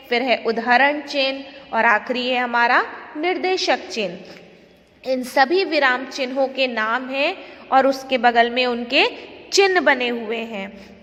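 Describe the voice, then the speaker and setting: A woman teacher talks slowly through a grammar lesson, pausing to quiz the class as she goes. Her voice sits high. The recording rings with a long reverb. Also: fairly bright tone. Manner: slow, explanatory, asks the class questions.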